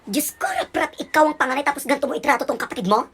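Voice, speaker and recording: A woman playing a stern mother who scolds her eldest child with loud, rapid questions. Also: high voice, huge pitch swings, heavily acted. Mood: scolding.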